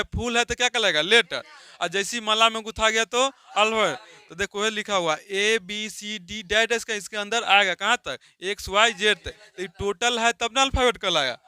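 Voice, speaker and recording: Bright, crisp-voiced teacher man. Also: sits high, dry recording. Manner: asks questions and answers them himself. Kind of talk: classroom lesson.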